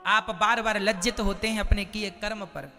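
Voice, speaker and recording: Male preacher for a devotional sermon: high, sharp and bright, dramatic storytelling, reverberant hall with soft music. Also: steady tone, moderate pace. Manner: dramatic storytelling, exhorting the crowd.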